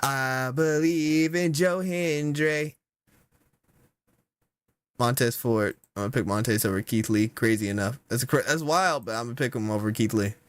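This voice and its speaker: A young man giving casual reaction commentary, slangy and exasperated, with sudden loud outbursts. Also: fairly low pitch, fast talker, hardly any pauses, no echo. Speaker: content creator.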